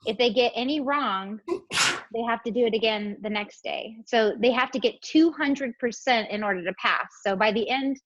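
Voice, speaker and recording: Woman pastor hosting a chat, talks kinda high, sounds muffled and dry. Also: moderate pace, fairly bright tone, dry recording. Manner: chatty, explanatory, with many fillers. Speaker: pastor and host. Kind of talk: casual panel discussion.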